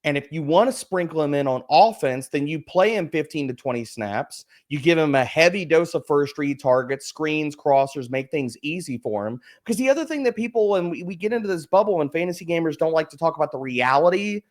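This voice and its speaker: A man's voice: a little high, expressive, brisk, few pauses. A man in casual podcast chat as a fantasy football analyst, ranting emphatically with profanity and rhetorical questions.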